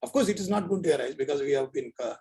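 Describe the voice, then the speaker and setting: Gravelly, husky Indian man, talking fast. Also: fairly high pitch, lively intonation, dark tone. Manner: earnest, rambling, repeats phrases. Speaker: professor giving a talk. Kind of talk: informal online lecture with rambling explanations.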